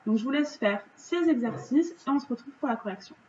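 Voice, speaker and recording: A woman's voice: high-pitched, animated, darkish tone, muffled recording. Patient French woman teaching a reading lesson. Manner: slow, patient, explaining step by step. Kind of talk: reading lesson correction for children.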